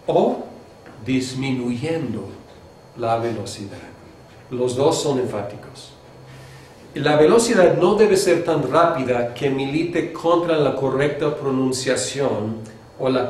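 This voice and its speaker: A man from Mexico teaching a seminary class on preaching, talking conversationally and showing pitch and pace changes with his own voice. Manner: conversational, with fillers and restarts. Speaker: homiletics teacher. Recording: echoey lecture room with faint background noise.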